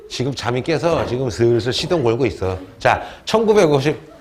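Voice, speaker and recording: A man's voice: medium pitch, big pitch swings, unhurried, a little mellow, slight background noise. A man teaching a history class in a classroom, joking with students and asking questions he answers himself. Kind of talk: classroom lecture.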